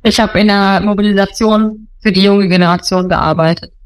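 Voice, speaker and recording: A woman in her thirties gives earnest interview answers as a missionary, pausing often with fillers. Her voice has an ordinary pitch, and the recording is dry and close. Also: fairly even intonation, no room sound.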